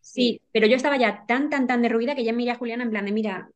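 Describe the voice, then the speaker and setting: A woman recounts a personal story as an interview guest, in a rapid, earnest flow full of restarts and repeated words. Her voice sits a little high, and she talks very quickly. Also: steady tone. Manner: rapid, earnest telling with frequent restarts and repetitions.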